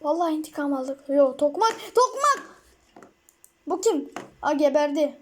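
Excitable high-voiced woman gamer. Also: moderate pace, slight background noise. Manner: excitable, rambling, frequent laughs and outbursts. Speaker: mobile gamer. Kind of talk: casual gameplay commentary.

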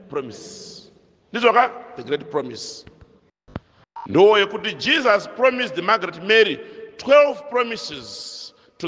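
A man's voice: high voice, bright, forceful tone. A man teaching a catechism lesson, questioning his listeners and repeating key phrases. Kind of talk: catechism lesson mixing Shona and English. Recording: dull sound with long hall echo.

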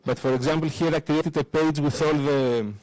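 Halting man giving a tech talk. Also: a little high, steady tone, a little mellow. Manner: halting, many fillers and restarts, non-native phrasing. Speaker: conference speaker. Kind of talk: technical conference talk with live demo. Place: lecture room at a conference. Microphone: handheld microphone.

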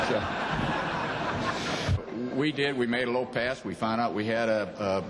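Older guy, low voice, wry laid-back storytelling, noisy background. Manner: casual, wry storytelling with fillers. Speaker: interviewee. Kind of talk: recalled account in interview. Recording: clear background noise.

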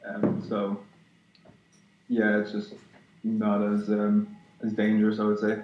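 Speaking slowly with a fairly low pitch and completely flat delivery, this young Irish man is a guest concept artist in a casual interview, hesitant and full of fillers and restarts. The dull, roomy webcam audio from a video call, with faint noise, was captured indoors in a small room at home.

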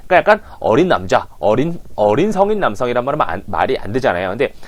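A man's voice: medium pitch, big pitch swings, fast talker. A man teaching English as a coach, animatedly prompting listeners to repeat phrases, on a lapel mic. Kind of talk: language lesson.

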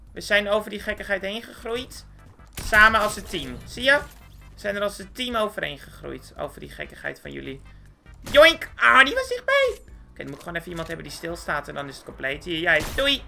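A performer voicing a squeaky, hyper, cartoonish young male gamer, chattering boastfully through gameplay commentary. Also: a little fast, gravelly, soft background music, full character voice. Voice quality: squeaky, swooping, with sudden high squeals. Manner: excitable, boastful, chatters nonstop at the screen. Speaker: game commentator.

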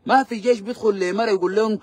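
Fiery fast-talking Sudanese commentator, man. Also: high voice, steady tone, slightly rough, dry recording. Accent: Sudanese Arabic. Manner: fiery, combative ranting. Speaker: political commentator. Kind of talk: live-stream political commentary.

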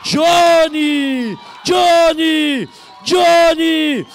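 A Brazilian man commentating live American football, shouting excited, drawn-out touchdown calls. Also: extremely high pitch, creaky, faint music behind, some chatter behind.

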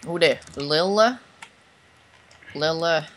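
A man's voice: fairly high pitch, slow pace, fairly bright tone. A man chatting casually while playing a game, joking around and chanting "bruh". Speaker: gamer. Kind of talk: casual gaming chat.

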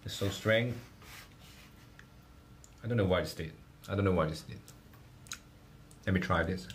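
A man talks at a slow, unhurried pace in a fairly low voice. His speech comes in halting bits, with words repeated as he thinks aloud. A faint hiss sits under the voice. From Hong Kong. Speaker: livestreamer. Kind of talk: casual livestream food tasting.

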